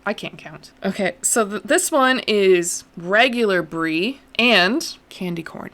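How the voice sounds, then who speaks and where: A woman's voice: medium pitch, animated, takes it slowly, a bit bright. Chatty woman podcast host. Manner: chatty, self-deprecating, laughs often. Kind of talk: casual chat.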